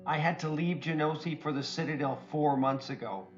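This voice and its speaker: A man's voice: on the high side, fairly even intonation, brisk, lo-fi sound, soft background music, close to an everyday voice. Man doing Alexander, a polite kobold merchant. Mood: earnest storytelling. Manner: courteous, formal. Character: polite well-dressed kobold merchant, male.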